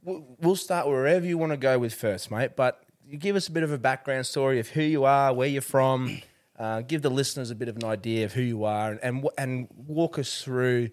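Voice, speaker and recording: Casting: male Australian podcast host, laconic outback drawl, mid-range pitch, casual and sincere. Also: fairly quick. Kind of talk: casual, sincere interview chat.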